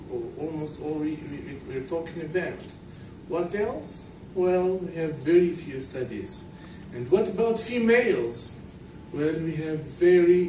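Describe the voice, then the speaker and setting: Man lecturing from afar in echoey hall. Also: a little high. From Tunisia. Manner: measured, explanatory, with frequent fillers. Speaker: conference speaker. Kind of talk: academic conference talk. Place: conference hall. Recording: distant, echoey hall with noise.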